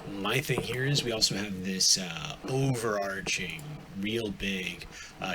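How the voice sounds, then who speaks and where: A man hosting a live trading stream, casually thinking aloud through charts with lots of fillers and restarts. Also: lowish voice. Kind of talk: live forex chart walkthrough. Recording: noisy live stream audio.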